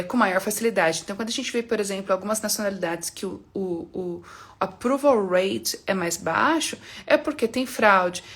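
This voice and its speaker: A woman answers viewers' questions on a live stream about immigration. She explains things patiently and reassuringly, checking in with little tag questions, and her voice sits at a middling pitch. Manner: explanatory, reassuring, frequent "né?" and "tá?" tags. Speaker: immigration consultant.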